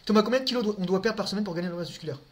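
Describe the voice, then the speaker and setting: A man with a noticeably high voice, chatting casually with his audience. He answers viewers' questions directly, full of crude slang and stumbling restarts. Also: very fast. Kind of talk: casual live chat.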